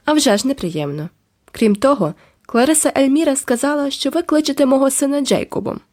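Woman doing a pompous, high-pitched fussy lady. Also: lively intonation, fairly quick, darkish tone. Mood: haughty. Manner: haughty, fussy, insistent. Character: pompous overdressed small middle-aged woman, indignant. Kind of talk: audiobook character voice.

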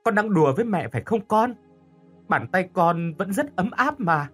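A man's voice: a little high, very animated, unhurried, a bit bright, husky, faint music behind, heavily acted. A man reading the part of a grieving mother, with a choked, pleading delivery. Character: grieving mother, desperate and tearful.

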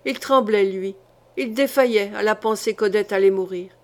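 A woman reading a historical novel aloud as an audiobook, in a measured, dramatic storytelling manner. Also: mid-range voice. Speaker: audiobook reader. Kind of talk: literary audiobook narration.

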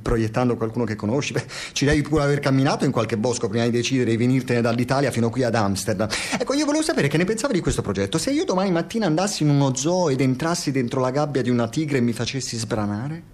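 In a radio drama, a male actor with a medium-pitched, slightly mellow and very animated voice plays a bitter, sardonic, neurotic Italian expatriate living precariously. His Italian-accented monologue is halting, digressive and brooding, a confessional ramble full of swearing that swings from muttering to exclaiming.

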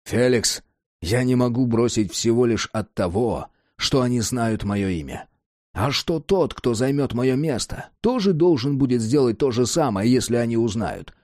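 A man voicing a hot-tempered gang leader who shouts and curses. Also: mid-range voice, lively intonation, moderate pace, no room sound, clean studio sound, close to an everyday voice. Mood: pleading. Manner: shouting, cursing.

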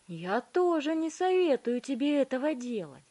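A woman voicing an excitable, fussy male candy inventor who gushes about his inventions and pleads anxiously. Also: sits high, moderate pace, pitched above the performer's own voice. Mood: excited, pleading.

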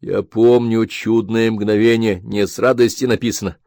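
A man's voice: lowish voice, level tone, moderate pace, a little mellow, dry recording, studio quality, natural voice. A man reading the part of a sullen, weary teenage boy in an audiobook. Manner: reluctant, sullen.

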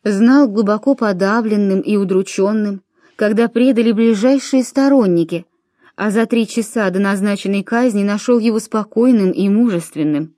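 A woman reads an audiobook aloud, steady and expressive, in a mellow, dark-toned voice. The sound is close and dry, with no room echo around it. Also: medium pitch, normal speed. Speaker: audiobook reader. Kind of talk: audiobook narration.

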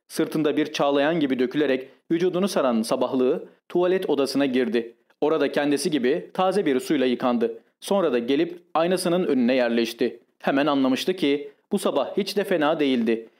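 A man narrating a classic short story as an audiobook, calm and measured. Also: a little high. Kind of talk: scripted narration.

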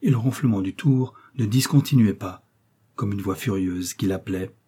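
Guy reading a classic novel, low dark husky voice, slow and serious. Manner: measured, grave storytelling. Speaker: audiobook narrator. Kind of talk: literary audiobook narration.

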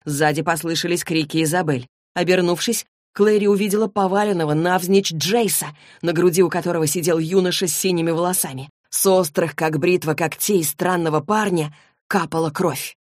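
Low-voiced woman narrating an audiobook. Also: steady tone, fairly quick, a little mellow, no echo, clean studio sound.

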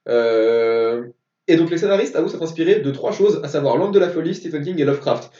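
A methodical man working through dates and credits on a casual film podcast. His voice is mellow and a little high. He sits away from a dull mic. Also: animated, a little fast. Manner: methodical, reads facts and dates. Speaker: podcast co-host. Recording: echoey room, distant dull mic.

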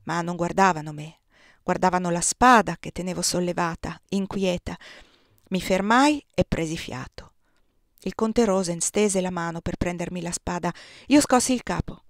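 A woman reading a literary novel aloud, measured and expressive, dropping to a hush in quiet passages. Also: on the low side, dry recording, clean studio sound. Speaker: audiobook reader. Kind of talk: literary audiobook narration.

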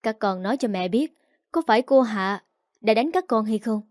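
A woman's voice: a little high, moderate pace, a little mellow, dry recording, clean studio sound, close to an everyday voice. A woman voicing an angry young mother. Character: angry young mother protecting her children.

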